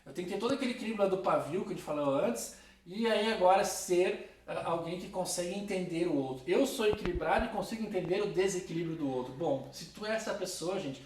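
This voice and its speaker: A man's voice: high-pitched, quick pace, darkish tone. A man teaching a philosophy class in a casual way, talking straight to his students. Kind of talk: recorded class lecture. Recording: roomy, from a distance.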